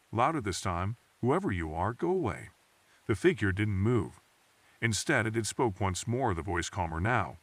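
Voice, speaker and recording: Male horror narrator, lowish and expressive, suspenseful first-person reading, dry close recording. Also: dry recording. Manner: tense, suspenseful storytelling.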